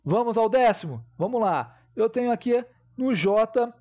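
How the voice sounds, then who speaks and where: Give me a male teacher with a mellow voice, patiently explaining a lesson on a muffled lo-fi recording. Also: very high voice, expressive, measured pace. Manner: patient step-by-step explaining, often checking in with the viewers.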